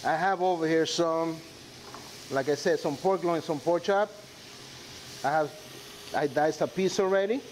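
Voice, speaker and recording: A man from the Dominican Republic, native in Spanish and speaking with a Dominican accent, hosts a live cooking demonstration and chats informally with viewers and crew. His pitch is fairly high, and the recording quality is low, though sizzling and kitchen sounds come through clearly.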